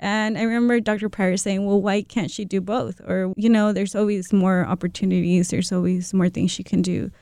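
A woman's voice: medium pitch, fairly even intonation, moderate pace, few pauses, mellow, dry recording, clean studio sound. A young woman from Mexico, a student guest, answering interview questions chattily, often laughing and quoting herself. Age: young adult.

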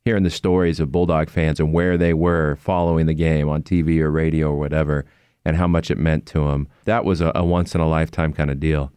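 Very deep-voiced smooth announcer man. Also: level tone, brisk, a little mellow, no room sound. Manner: earnest, storytelling, reflective. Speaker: sports announcer and guest. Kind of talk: conversational interview.

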